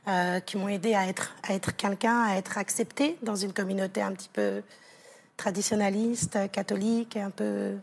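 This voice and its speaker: Husky French woman telling her story. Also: mid-range voice, steady tone, normal speed. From France. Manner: emotional, rambling with fillers and restarts. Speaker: guest. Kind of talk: studio interview, personal story. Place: TV studio set.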